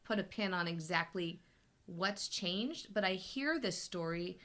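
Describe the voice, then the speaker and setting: A health coach hosts an easygoing live Q&A, speaking in a chatty, meandering way with lots of restarts while her voice recovers from sickness. She has a lowish, expressive, slightly bright voice and takes her time.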